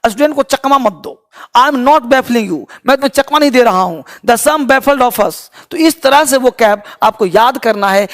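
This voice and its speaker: A young man teaching spoken English who drills each word form by repeating it aloud, switching between Hindi and English as he explains. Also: very high voice. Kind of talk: energetic classroom teaching.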